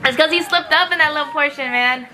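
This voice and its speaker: A woman's voice: high voice, fast, pushed and bright. A woman, a former drill sergeant, giving informal, matter-of-fact reaction commentary on a video.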